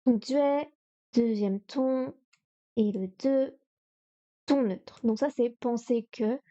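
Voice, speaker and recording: A woman streams her study session, drilling words over and over and counting pen strokes under her breath. She talks at an unhurried, slow pace in a fairly high voice. The sound is muffled and lo-fi, like basic stream audio. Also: mellow. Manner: repeats vocabulary and counts strokes aloud, chatty self-talk. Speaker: streamer studying Chinese live. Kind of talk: live study stream, thinking aloud.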